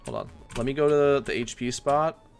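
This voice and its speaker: A young man livestreaming a game, chatting casually, swearing and ranting loudly at it. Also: medium pitch, brisk, creaky, faint music behind. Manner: excitable, swears often, rants loudly at the game. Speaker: streamer.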